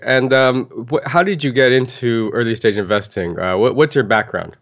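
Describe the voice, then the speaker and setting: Podcast host guy, mid voice, reads the intro then gets kinda halting with uh's and restarts. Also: medium pitch, fairly bright tone. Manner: hesitant, restarts words when ad-libbing. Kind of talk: business interview podcast.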